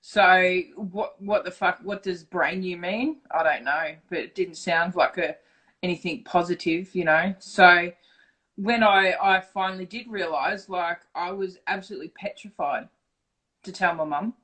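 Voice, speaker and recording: A middle-aged Australian woman telling her story in a casual interview, frank and swearing freely, lively when she acts out dialogue. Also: lowish voice, unhurried, poor audio. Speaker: interview guest.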